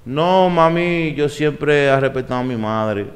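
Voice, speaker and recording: A man's voice: on the high side, expressive, measured pace. A man in his forties, born in Puerto Rico and raised in New York, talking casually as a guest in a studio interview. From Puerto Rico, raised in New York and the Dominican Republic. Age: 40s. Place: podcast studio. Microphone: desk mic on boom arm.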